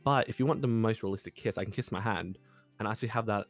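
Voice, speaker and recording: A man's voice: fairly low pitch, quick pace, soft background music. A man streaming games with friends, joking around and laughing at himself. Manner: playful, joking. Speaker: streamer and teammate. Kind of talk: casual gaming chat.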